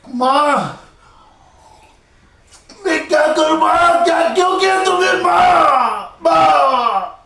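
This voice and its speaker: A man's voice: very high voice, animated, extremely slow, creaky, long pauses, sharp tone, reverberant, shouting, a little hiss or hum, heavily acted. A man playing a heartbroken young son who has been poisoned by his mother, pleading with her in a solo stage monologue. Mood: anguished.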